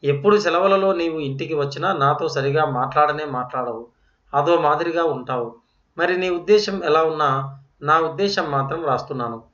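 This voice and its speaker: A man's voice: on the high side, moderate pace, a bit bright, lightly acted. A man voicing a playful young woman who reads out a teasing, mock-dramatic letter, on a roomy, dull lo-fi recording.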